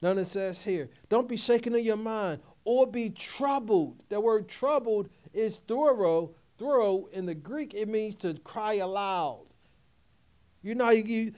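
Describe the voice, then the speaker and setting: High-pitched middle-aged guy preaching, punchy and repetitive, keeps checking in with the crowd. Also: moderate pace, darkish tone. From Philadelphia area. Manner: call-and-response preaching, repetitive and emphatic. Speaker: pastor. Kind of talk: sermon.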